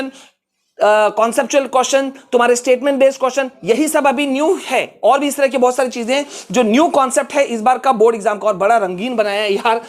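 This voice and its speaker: A man teaching exam prep in a casual screen-share tutorial, chatty and encouraging, slipping English phrases into his talk. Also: very high-pitched. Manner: chatty, pep-talking, mixes in English phrases.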